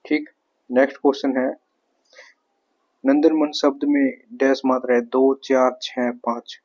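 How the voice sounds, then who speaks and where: Male teacher, Haryanvi-tinged, monotone, runs through exam questions methodically, repeats each answer. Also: medium pitch, a little slow, rough recording. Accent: Haryanvi-tinged Hindi. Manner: explains step by step, repeats answers, asks rhetorical questions. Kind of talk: exam prep grammar lesson.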